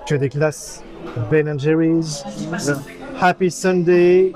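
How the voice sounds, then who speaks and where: A crowd murmurs behind this vlog host, whose fairly high voice stays fairly even as he takes his time. At an American-style diner, he reads the menu aloud with lots of hesitation and fillers, affectionately ribbing his companion.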